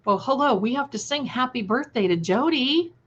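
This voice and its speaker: In a relaxed live chat, a woman in her sixties addresses her audience with fond endearments. Her high, husky voice is expressive and moves at a normal speed, though the audio loses its high frequencies.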